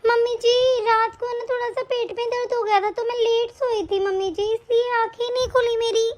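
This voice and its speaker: A woman's voice: extremely high pitch, little pitch movement, moderate pace. A woman voicing a lazy, quarrelsome elder daughter-in-law in a cartoon story, whiny and always complaining. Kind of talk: cartoon voice acting.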